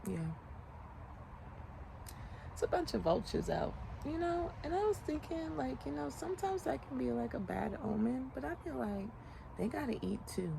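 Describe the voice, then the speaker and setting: With a high-pitched voice and moderate pace, a late-twenties vlogger muses casually outside on a sunny country morning. Her relaxed, reflective talk rambles and is packed with "like," and there's background noise plus clear outdoor ambience.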